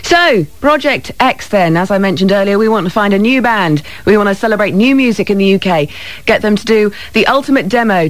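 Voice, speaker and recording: A woman's voice: on the high side, dry recording. A British woman hosting a music radio show as DJ, informal and chatty, often checking in with short tag questions, on a close studio microphone.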